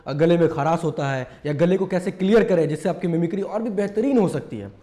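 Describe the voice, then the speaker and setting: A man's voice: fairly high pitch, expressive, brisk, dark tone. A man casually teaching mimicry, explaining step by step with lots of fillers. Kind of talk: casual tutorial talk.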